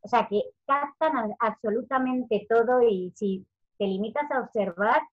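A woman's voice: fairly high pitch, unhurried, dull audio. A woman in her thirties from Spain, a parenting educator chatting in an interview and acting out quoted lines as she tells stories. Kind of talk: casual interview talk.

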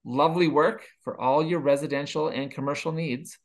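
A man's voice: fairly high pitch, fairly even intonation, moderate pace. A man hosting a casual podcast chat, joking with co-hosts and reading a sponsor plug. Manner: jokey, reads ad plugs. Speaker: podcast host.

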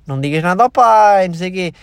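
A man's voice: high-pitched, expressive, fast talker, smooth, dry recording. A man voicing a pushy older uncle who coaxes a child in a wheedling, insistent way. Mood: coaxing.

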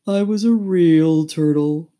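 A woman voicing a sad, weepy old male turtle creature in a storybook, speaking very slowly and mournfully with drawn-out words. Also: medium pitch, vocal fry, dark tone, voice pushed up. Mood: sobbing, mournful. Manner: very slow, drawn-out, mournful delivery with sighs.

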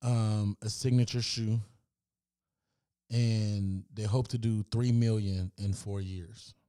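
A man co-hosting a podcast in casual chat, laying out facts in a relaxed, laid-back way. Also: fairly low pitch, slow, clean tone. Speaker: podcast co-host.

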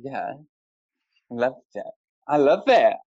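A man's voice: medium pitch, sing-song, slow pace, darkish tone, breathy edge, dry recording, muffled recording. A man chatting thoughtfully as a podcast guest over a video call, laughing easily.

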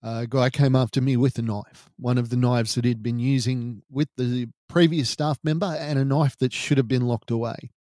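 A man's voice: mid-range voice, steady tone, normal speed, few pauses, dark tone, no echo. Grave Australian man narrating like true crime, dry sound. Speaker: podcast host. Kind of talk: first-person storytelling in the manner of a true crime narrator.

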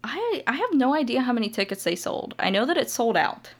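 A woman's voice: a little high, very animated, brisk. A young adult woman from Ohio, a motovlogger guest chatting casually on a podcast, laughing often.

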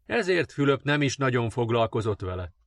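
Guy reading kids' stories, gentle expressive tone, dry close sound. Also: mid-range voice, vocal fry, no room sound. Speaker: audiobook narrator. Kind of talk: storybook narration.

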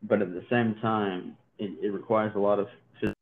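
A lower-voiced man cracks jokes and rambles through a casual podcast chat, often restarting his sentences. His voice comes through thin and tinny, as if over a phone line. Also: steady tone, moderate pace. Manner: joking, rambling with many restarts. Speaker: podcast co-host.

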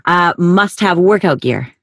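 A woman's voice: lowish voice, expressive, a little slow, a bit bright, no echo, studio quality. A woman hosting an interview in a casual, chatty style. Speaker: interview host.

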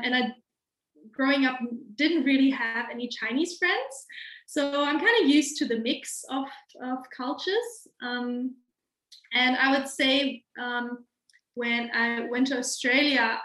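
A young woman, a guest in a casual interview, speaking thoughtfully with frequent pauses and fillers. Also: a little high, a bit bright. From Germany. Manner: thoughtful, hesitant with many fillers. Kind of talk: casual conversation. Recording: roomy echo.

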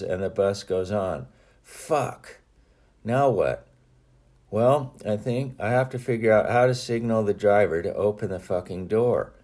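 A man's voice: lowish voice, dark tone. A man reading his own book aloud, telling a personal story in an earnest, reflective way with a few small restarts. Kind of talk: audiobook narration.

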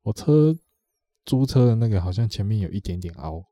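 A man's voice: lowish voice, animated, fairly quick, mellow, no echo, clean studio sound. A man with a Taiwanese Mandarin accent telling a rambling story on a podcast, repeating himself and acting out what others said. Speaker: podcast co-host. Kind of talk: casual storytelling chat.

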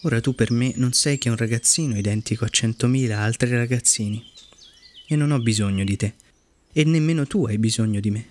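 A man voicing a wise, lonely female fox who explains things slowly and earnestly in a storybook reading. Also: mid-range voice, a little mellow, slight background noise, close to an everyday voice.

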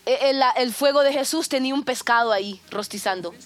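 A woman preaching a sermon, retelling scripture scenes as stories with lively quoted dialogue. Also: high-pitched, a little fast.

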